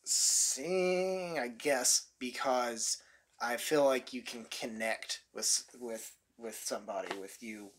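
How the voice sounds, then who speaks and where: A man's voice: medium pitch, slow, a bit bright. A man answering would-you-rather questions at home with his wife, slipping in dry joking quips. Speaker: co-host, husband. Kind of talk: casual couple Q&A.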